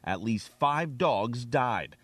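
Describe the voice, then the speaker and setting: A man reporting a news story in a measured, clear correspondent's delivery. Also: medium pitch, expressive, fairly bright tone.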